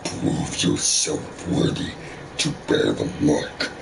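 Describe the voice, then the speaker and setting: A man voicing an ancient demonic beast hunter from a video game, with a super deep, growling, possessed voice and a menacing, solemn, drawn-out delivery. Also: distant mic, noisy background, natural voice. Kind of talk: video game character dialogue read aloud.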